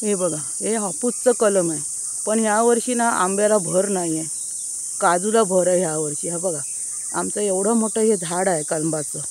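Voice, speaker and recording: A woman's voice: mid-range voice, moderate pace, darkish tone. A woman from Konkan, chatting casually as she shows viewers around her farm. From Konkan, India. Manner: chatty, keeps pointing things out to viewers. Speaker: village vlogger. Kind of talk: casual walking farm tour. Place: outdoors in an orchard. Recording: faint outdoor noise from insects. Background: insects chirping.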